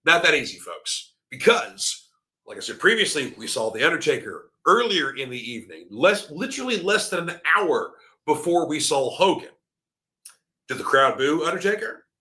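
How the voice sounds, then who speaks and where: A middle-aged man hosts a live-streamed wrestling talk show, rambling and opinionated with plenty of fillers. His slightly high voice is sing-song, pushed and bright at normal speed, and a cold leaves it a little scratchy.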